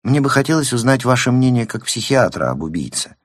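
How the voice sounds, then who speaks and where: A man reading the lines of a tense, probing young woman in quiet, clipped questions. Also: mid-range voice, sing-song, a little fast, no echo, clean studio sound, voice pushed up.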